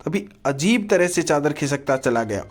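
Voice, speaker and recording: A man narrating a scripted horror story in a steady storytelling manner. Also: a little high, moderate pace. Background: faint music.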